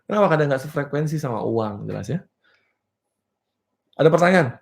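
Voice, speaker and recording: Male motivational business coach, animated pitch, playful and rhetorical, keeps checking the audience follows. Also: fairly quick, vocal fry. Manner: laughs at own jokes. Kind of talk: motivational seminar talk. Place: live and virtual seminar.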